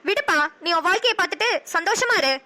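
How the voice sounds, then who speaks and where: A woman's voice: very high-pitched, animated, quick pace, pushed and bright, full character voice. A woman voicing a sorrowful, resigned middle-aged mother in a cartoon. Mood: mournful. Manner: mournful, resigned. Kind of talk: cartoon voice acting.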